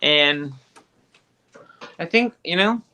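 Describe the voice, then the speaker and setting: A woman co-hosting a casual livestream, chatty and self-deprecating in an animated way. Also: deep voice, extremely slow, a little hiss or hum. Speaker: channel co-host.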